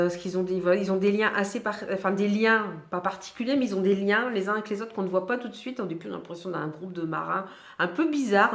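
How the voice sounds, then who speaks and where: Woman book vlogger, casual and hesitant, mid-pitched, recorded in a roomy space. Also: a bit bright. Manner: chatty, hesitant with many fillers and restarts. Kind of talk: casual book review chat. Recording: echoey room.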